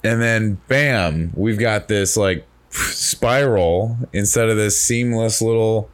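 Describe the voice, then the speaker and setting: A man's voice: lowish voice, takes it slowly. A man hosting a podcast, talking in a rambling, reflective way with many restarts. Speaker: podcast host. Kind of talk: casual chat.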